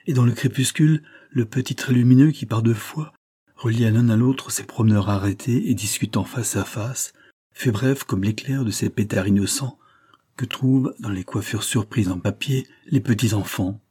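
A man reading a literary novel aloud in measured, steady storytelling. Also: lowish voice, breathy edge. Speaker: audiobook narrator. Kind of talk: literary audiobook narration.

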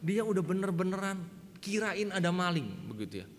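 A man's voice: sits high, sing-song, normal speed, long reverb tail, a little hiss or hum. A man preaching a sermon, emphatic and often addressing the congregation directly, telling a story. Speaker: pastor. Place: church hall.

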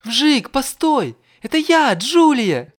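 A man voicing a flustered, sharp-tongued young woman who bursts out in shrill exclamations. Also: very animated, normal speed. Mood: pleading. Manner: shrill, exclaiming, emotional outbursts.

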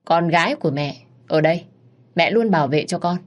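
A woman's voice: lowish voice, expressive, fairly quick. Woman voicing a furious protective mother. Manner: shouting, scolding.

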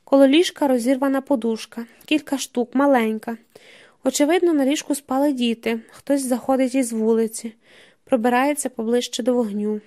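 A woman narrating an audiobook in a measured, even storytelling manner. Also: sits high.

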